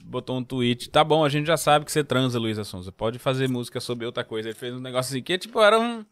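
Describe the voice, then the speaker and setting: A man from Brazil in casual podcast chat, slangy and animated, often trailing off and restarting. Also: medium pitch, fast talker. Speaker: podcast host.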